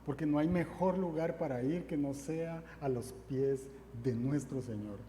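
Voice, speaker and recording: A fervent preacher, a man whose fairly high voice sits on a warm, mellow tone. He presses his points again and again with repeated refrains. He is heard in a long-ringing church hall with a faint hum behind him. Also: unhurried. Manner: fervent and repetitive, drives points home with refrains. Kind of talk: sermon. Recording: echoey hall, faint ambient noise.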